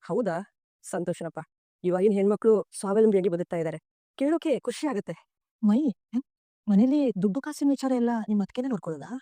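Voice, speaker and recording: An actress playing a sorrowful, tender middle-aged mother in a TV serial, speaking softly and pleadingly. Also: mid-range voice, expressive, fairly quick, no echo, clean studio sound, natural voice. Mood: gentle. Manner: soft, pleading, tearful at times. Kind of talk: TV serial acting.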